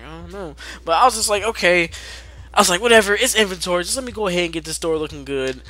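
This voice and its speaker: A young man telling a story from work in a casual, animated way, acting out what his coworkers said. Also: fairly high pitch. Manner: animated, acts out coworkers' lines in a raised voice. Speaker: storyteller vlogger.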